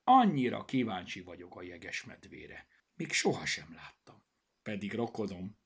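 A man's voice: low-pitched, sing-song, slightly rough, exaggerated voice. A man voicing a shy, curious teddy bear in a children's storybook.

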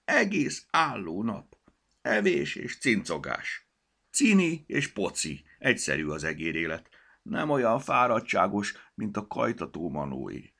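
A man's voice: fairly low pitch, sing-song, vocal fry, a bit bright, husky, pitched above the performer's own voice, exaggerated voice. A man voicing a grumpy, fussy male gnome sleuth in a storybook, muttering and exclaiming. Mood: grumbling. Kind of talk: storybook character voice.

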